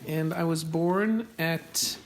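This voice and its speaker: A man's voice: fairly high pitch, slow, slight background noise. A South African man in his forties, answering interview questions carefully and spelling words out. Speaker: podcast host being interviewed by his daughter.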